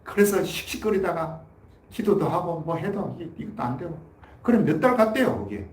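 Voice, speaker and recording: In an echoey church sanctuary, a pastor delivers a Sunday sermon in a high-pitched, expressive, slightly mellow voice at a moderate pace. He tells a folksy story, then drives his point home with emphatic exhortation.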